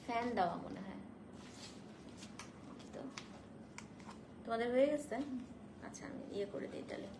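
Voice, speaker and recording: A woman hosting a casual live stream to sell saris, feverish and in pain, speaking slowly and softly and mixing in English phrases. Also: a little high, noisy background. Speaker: online shop owner selling saris on a live stream.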